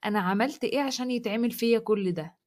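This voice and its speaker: Fast-talking Egyptian woman narrator. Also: fairly high pitch, darkish tone. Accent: Egyptian Arabic. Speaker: storytelling channel narrator. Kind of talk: first-person story narration.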